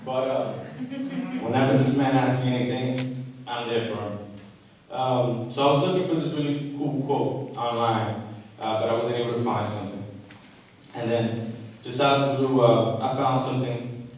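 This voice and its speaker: A man's voice: mid-range voice, steady tone, a little mellow. Emotional man speaking in an echoey hall. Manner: emotional, halting, many fillers. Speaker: founding member giving a reunion speech. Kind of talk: informal speech to an audience. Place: indoor event hall. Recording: echoey hall from far off, faint noise.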